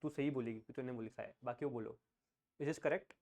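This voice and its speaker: A man with an Indian accent teaching accountancy in a classroom lecture, dictating notes slowly and repeating key phrases, mixing English and Hindi and quizzing his students. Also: mid-range voice, a little mellow.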